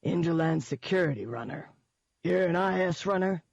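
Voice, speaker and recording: A woman voicing a huge, gruff male bar bouncer who asks blunt questions. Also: on the low side, lively intonation, normal speed, darkish tone, dry recording. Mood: mocking. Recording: dull, dry audiobook recording.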